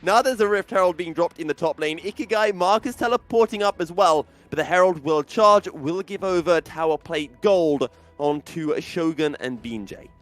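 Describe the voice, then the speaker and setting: A male esports caster with a slightly high voice, calling play-by-play over faint music. His delivery is animated and builds each call for drama. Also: normal speed. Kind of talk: live esports play-by-play commentary.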